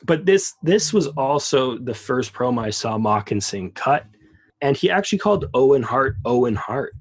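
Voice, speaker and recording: This podcast co-host's mid-range voice has a breathy edge and plenty of expression as he chats about wrestling at a moderate pace. He's enthusiastic and casual, rambling and often starting over.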